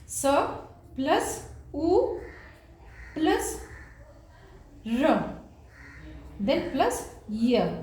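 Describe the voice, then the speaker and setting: A woman's voice: on the high side, darkish tone, slight background noise. A woman teacher giving a classroom lesson, spelling words out sound by sound and mixing in terms. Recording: very echoey room.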